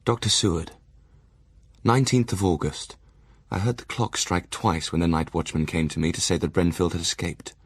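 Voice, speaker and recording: Serious victorian doctor in an audio drama, lowish voice, measured and formal, very dry recording. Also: male voice, fairly even intonation, slightly rough, no echo. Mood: urgent, grave. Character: Dr Seward, serious, conscientious Victorian asylum doctor. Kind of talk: audio drama, narrating diary and letters.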